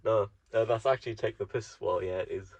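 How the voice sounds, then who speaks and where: A man's voice: lowish voice, a little fast, darkish tone, dry recording. Man musing wryly in a dull, dry recording. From Germany. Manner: wry, meandering, self-mocking musing. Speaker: solo vlogger. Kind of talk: rambling casual monologue.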